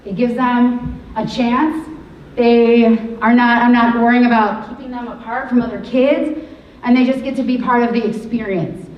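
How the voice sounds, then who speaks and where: A woman's voice: a little high, fairly even intonation, normal speed, muffled recording. A woman who is a drama teacher gives a rambling, enthusiastic welcome speech from a school auditorium stage. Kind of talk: welcome speech to a live audience. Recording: echoey hall, far from mic, faint hiss.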